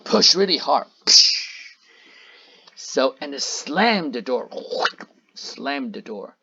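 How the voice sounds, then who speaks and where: A man with a creaky, breathy edge reads a children's storybook aloud slowly, his pitch very animated. He often stops to explain words and point out pictures, and the recording sounds dull and lo-fi.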